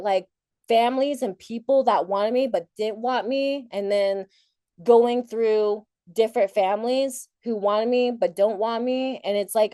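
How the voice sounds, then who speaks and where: In a dry, studio-quality recording, a woman speaks in a mid-range voice with a darkish tone. Originally from Thailand, where Thai is her first language, she later relocated to the United States and tells her personal story as a conference speaker. The talk is motivational, informal and candid, reflective and conversational, with frequent rephrasing.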